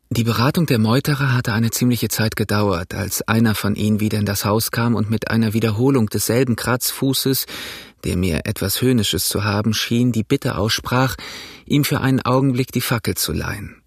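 A man narrating an audiobook in an even, measured reading. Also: on the low side, breathy edge, no room sound, studio quality. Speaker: audiobook reader. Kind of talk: scripted narration.

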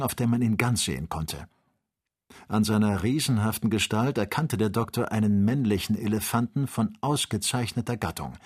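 A man narrating a classic adventure novel as an audiobook, reading in an even, measured way. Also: lowish voice, breathy edge. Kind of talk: scripted narration.

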